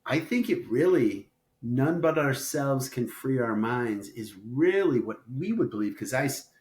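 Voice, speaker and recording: A man co-hosts a relaxed podcast chat, wandering through his points with plenty of filler words and bursts of playful drama. His voice sits at a middling pitch. The room around him rings with a noticeable echo. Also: a little slow. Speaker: podcast co-host. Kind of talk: casual chat. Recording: roomy echo.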